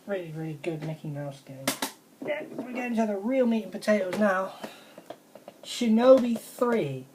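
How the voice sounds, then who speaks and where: A woman's voice: mid-range voice, expressive, moderate pace, noisy background. A woman, casually reviewing her favourite retro video games in an enthusiastic, rambling way and repeating her praise. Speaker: video game vlogger.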